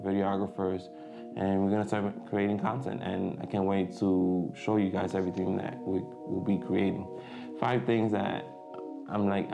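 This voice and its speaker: Chatting casually to camera, a young vlogger from the Dominican Republic, a native Spanish speaker, hesitates often, with many fillers and restarts. His voice is low-pitched with vocal fry.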